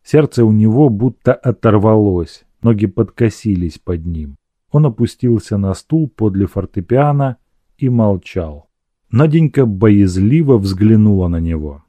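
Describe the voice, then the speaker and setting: Guy reading an old novel aloud, low mellow voice, steady pace, dry sound. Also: measured pace, no room sound, muffled recording. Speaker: narrator. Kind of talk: audiobook reading of a classic novel.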